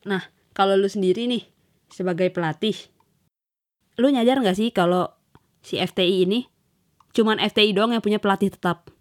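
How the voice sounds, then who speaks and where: A young woman in casual conversation, lively and teasing, laughing as she talks about playing on her team. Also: mid-range voice, moderate pace, long pauses. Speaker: guest, futsal player. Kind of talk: casual chat.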